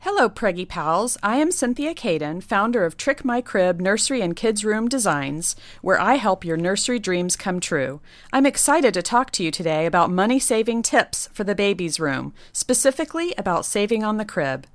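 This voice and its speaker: A woman's voice: medium pitch, sing-song, moderate pace, hardly any pauses, no room sound. Woman, guest tips segment, upbeat scripted read, dry recording. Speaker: nursery designer.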